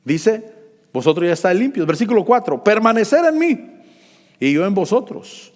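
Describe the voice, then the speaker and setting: A man preaching a sermon, calling out scripture loudly, dropping to low asides and asking the congregation to repeat after him. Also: very animated, moderate pace, long reverb tail. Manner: fervent, swings between loud scripture reading and low asides; call-and-response with the congregation.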